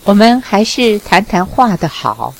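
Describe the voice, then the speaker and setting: A woman reading the lines of a shy, guarded young woman in an audiobook, a little higher and bashful. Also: big pitch swings, a little slow, creaky. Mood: flustered.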